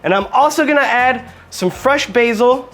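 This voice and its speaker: A man's voice: very high-pitched, moderate pace, a bit bright. A man hosting a home cooking video, joking and chatting directly to viewers as he demonstrates. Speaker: cooking show host.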